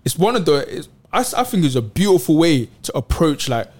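A man in casual faith discussion on a podcast, animated and slangy, retelling Bible stories in street talk. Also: a little high, fairly quick. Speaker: podcast co-host.

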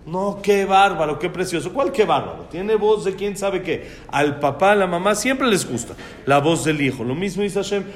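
A man's voice: high voice, very animated, normal speed, few pauses, reverberant. A man giving a sermon as a rabbi, telling parables and acting out quotes in a storytelling way, with Hebrew terms mixed in.

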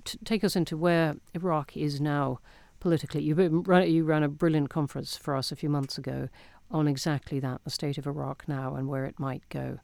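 A man hosting a panel discussion, courteously putting questions to his guests. His voice sits a little high and has a gravelly edge, and it is recorded close and dry. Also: steady tone, a little fast, a little mellow, no echo. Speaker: podcast host and moderator. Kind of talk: moderating a panel.

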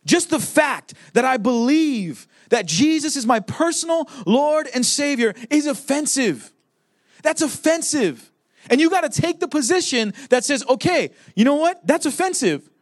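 A man's voice: extremely high pitch, lively intonation, unhurried, dry recording, clean studio sound. A young adult man preaching a sermon as pastor, emphatic and conversational, with repeated phrases.

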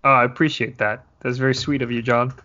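A man's voice: mid-range voice, level tone, fast, pushed and bright, highs cut off. A man guesting on a casual podcast, laid-back with dry humor.

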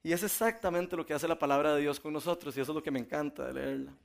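A man preaching a sermon, telling stories in a relaxed, conversational way and often laughing. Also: on the high side, fast, creaky.

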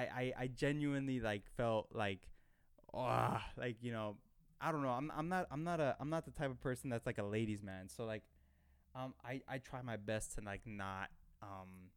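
A man's voice: medium pitch, smooth. A young man hosting his own podcast, telling an embarrassing story in a rambling, self-conscious way at a desk microphone. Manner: rambling, self-conscious, heavy filler words and restarts. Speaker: podcast host. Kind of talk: casual storytelling monologue.

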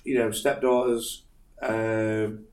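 A man's voice: lowish voice, level tone, slow pace, a little mellow, soft background music. Rambling northern English man in an echoey room. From northern England. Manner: rambling, humble, many fillers. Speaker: guest, martial arts instructor. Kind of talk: casual interview.

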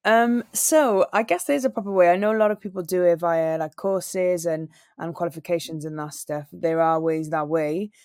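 A woman's voice: on the low side, moderate pace, few pauses, darkish tone, no echo, studio quality. A young woman from Wales, a singer and radio presenter, answering interview questions in an earnest, storytelling way. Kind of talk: interview conversation.

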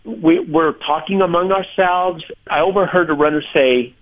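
A male pastor speaking over a tinny, phone-like line, his voice sitting a little high for a man. He recounts events in an earnest, measured way, as a guest in a radio interview. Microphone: telephone.

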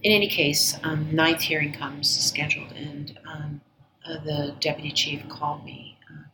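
A woman with a notably low voice, recounting her story with earnest, measured calm. She often sinks almost to a whisper. The recording carries a clear hiss of background noise. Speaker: interview guest, former agency director. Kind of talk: reflective personal storytelling.

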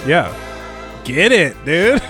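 A man's voice: a little high, very animated, takes it slowly, fairly bright tone, soft background music. A man chatting casually about records in a gushing frat-bro way, peppering his talk with "dude" and "like".

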